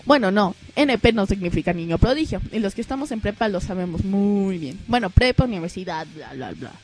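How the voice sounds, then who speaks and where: Animated hoarse Mexican woman vlogging. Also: fairly quick, soft background music. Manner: animated, acts out others in squealing high voices. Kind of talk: casual comedic monologue.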